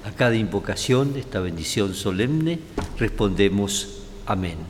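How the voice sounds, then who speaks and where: A man, a priest presiding at Mass, reciting prayers and blessings in a measured, solemn way, his voice ringing with long cathedral reverb. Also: lowish voice, expressive. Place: large cathedral, indoors. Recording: echoey cathedral with faint ambient noise.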